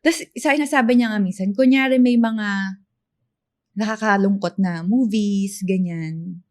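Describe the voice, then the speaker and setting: A young woman in her twenties from the Philippines, co-hosting a podcast in casual chat, soft-spoken and hesitant. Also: medium pitch, a little slow. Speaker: podcast co-host.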